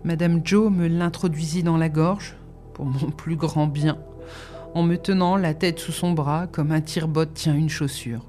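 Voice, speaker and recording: A reader narrating a novel in a measured, even way. The voice is mellow and warm. Faint music runs underneath. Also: mid-range voice. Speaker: audiobook reader.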